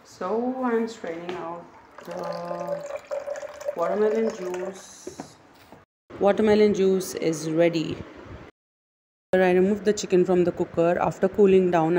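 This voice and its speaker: A woman's voice: lowish voice, a little hiss or hum. A woman narrating her home cooking vlog step by step, recorded on a phone in her kitchen. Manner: steady step-by-step instructional narration. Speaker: cooking vlogger.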